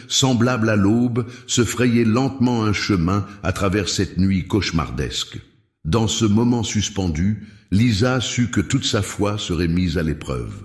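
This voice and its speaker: A man giving a suspenseful, scripted narration of a dark story. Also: deep voice. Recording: roomy echo.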